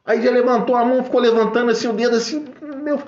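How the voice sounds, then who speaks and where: Speaking fast in an extremely high-pitched, steady, somewhat dark voice, a man with a Brazilian Portuguese accent gives a fervent, emotional church testimony. He tells his story and breaks into praise, and the recording is echoey and slightly dull with faint music behind him.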